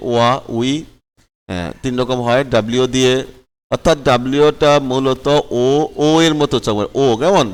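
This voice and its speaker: A man teaching pronunciation in a Bangladeshi Bengali accent. He spells each word letter by letter, repeats it slowly and keeps asking whether the pupils follow. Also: mid-range voice, clear, resonant tone, in a large hall. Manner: asks the pupils "কেমন?" to check they follow.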